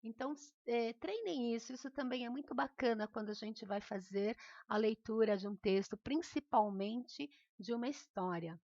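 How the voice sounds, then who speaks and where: A woman's voice: fairly high pitch, normal speed, few pauses, a little mellow, no room sound, lo-fi sound. A woman teacher with a Brazilian accent, giving a recorded remote lesson in a patient, encouraging way and often checking in with her students. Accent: Brazilian Portuguese.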